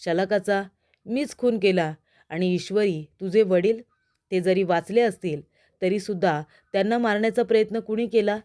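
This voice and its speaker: A smug, menacing male villain from a TV serial who taunts his rivals, read aloud by a woman. His delivery is gloating and mocking. The voice stays soft and mellow. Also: medium pitch, moderate pace, lightly acted.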